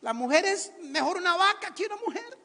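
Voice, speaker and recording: A man's voice: very high voice, sing-song, brisk, pushed and bright, in a large hall, pitched above the performer's own voice, full character voice. A man voicing a poor widow who frets over her future. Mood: anxious. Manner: worried musing.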